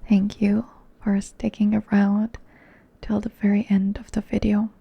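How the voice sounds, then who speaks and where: A woman ASMR creator closing her video in a soft, breathy whisper. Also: mid-range voice, monotone, measured pace, no echo, dull audio. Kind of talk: ASMR outro.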